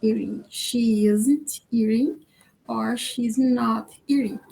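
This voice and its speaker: Slow, gravelly Brazilian student woman. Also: on the high side, steady tone, dark tone, rough recording. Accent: Brazilian Portuguese. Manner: reads sentences slowly and carefully.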